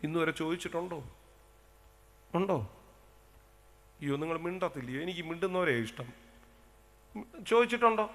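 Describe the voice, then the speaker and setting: A male pastor preaching a sermon to a congregation, with a Kerala Malayalam accent, swinging between loud exclamations and soft asides. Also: on the high side, moderate pace, long pauses. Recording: long hall reverb.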